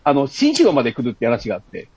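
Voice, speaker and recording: A man's voice: mid-range voice, huge pitch swings, fast, a little mellow, breathy edge, dry recording, muffled recording. A man chatting as a podcast guest, explaining casually and searching for his words.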